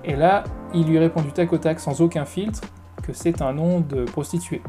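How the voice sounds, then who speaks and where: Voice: mid-range voice, normal speed, warm tone, soft background music. A teacher patiently explaining English phrases in French, step by step, often repeating key words.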